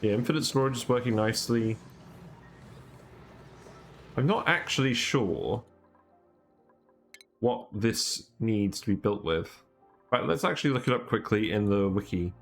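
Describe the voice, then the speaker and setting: Over faint background music, a man with a fairly low, expressive voice chats casually as he streams a game. He speaks at a measured pace and pauses often, thinking aloud with filler words and little laughs.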